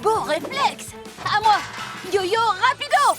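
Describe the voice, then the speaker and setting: A woman voicing an impulsive, brave child superhero in a French animated series, eager and urgent. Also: very high-pitched, slow pace, music in the background, full character voice. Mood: determined.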